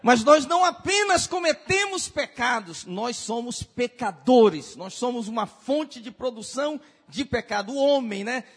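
A man preaching a sermon, telling stories in a lively way and acting out the people in them. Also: extremely high pitch, unhurried, few pauses, husky, long reverb tail. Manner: lively, animated storytelling with acted-out voices. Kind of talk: storytelling sermon.

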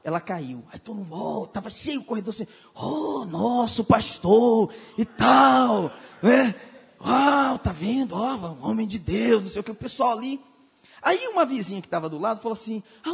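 A male pastor preaching and telling animated stories, acting out other people's voices and shouting at the climaxes. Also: high-pitched, husky. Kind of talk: sermon with storytelling. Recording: hall reverb.

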